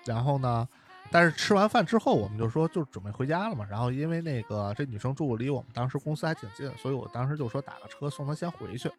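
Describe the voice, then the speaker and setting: A man co-hosting a podcast, telling a story in casual chat, animated and chatty with many tag questions. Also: medium pitch, fast, soft background music. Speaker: podcast co-host.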